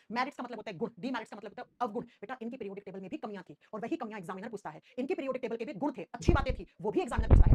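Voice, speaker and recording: A woman teaching a live online class, coaxing her students and quizzing them with quick questions. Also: fairly high pitch, no echo.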